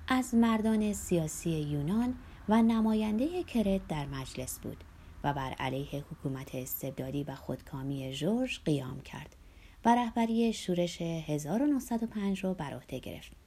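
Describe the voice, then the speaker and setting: A woman narrating a literary audiobook in a soft, breathy, half-whispered reading voice. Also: on the low side.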